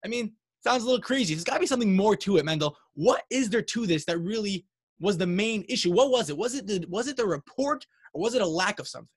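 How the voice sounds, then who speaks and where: A man's voice: high voice, expressive, fast talker, breathy edge. A man co-hosting a podcast, chatting casually, asking questions and reacting with enthusiasm. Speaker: podcast co-host.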